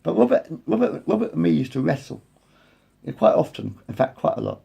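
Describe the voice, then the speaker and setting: This vlogger, a man in his late forties, rambles to his phone's front camera, repeating himself and correcting course as he moves between thoughts. He talks briskly with big pitch swings, and his voice is on the high side, gravelly, mellow, and husky.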